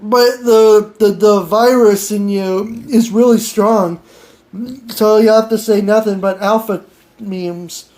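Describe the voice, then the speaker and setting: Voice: mid-range voice, steady tone, slow, darkish tone. A podcast host chatting casually with an AI, giggling and stammering through restarts. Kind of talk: casual improvised chat with an AI.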